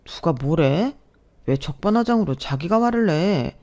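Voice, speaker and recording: A woman's voice: lowish voice, expressive, a little slow, dark tone. A woman voicing a young boyfriend who snaps sharply and then turns placating and defensive. She reads it within a storybook narration.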